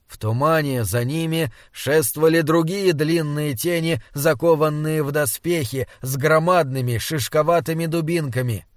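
A man reads a fantasy novel aloud in a measured, dramatic style. His voice sits a little high for a man, and the recording is dry and close, with no room sound. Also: dry recording. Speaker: audiobook narrator. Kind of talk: scripted narration.

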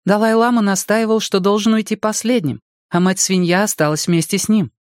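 A man plays an anxious woman companion in a science-fiction audiobook. Her voice is pitched high, with practical, hurried reporting in a dry sound. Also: fairly even intonation, dry recording, close to an everyday voice. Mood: concerned. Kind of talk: audiobook character reading.

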